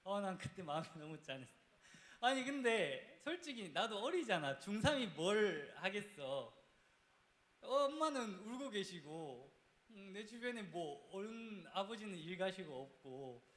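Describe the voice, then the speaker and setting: Animated man in an echoey hall. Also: high voice, measured pace. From Busan, South Korea. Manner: animated casual storytelling. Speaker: church youth teacher. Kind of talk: testimony talk to church youth. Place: church basement hall.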